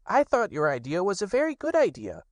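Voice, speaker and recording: A man voicing a small, nervous male piglet in a high, timid voice. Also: huge pitch swings, fairly quick, no room sound.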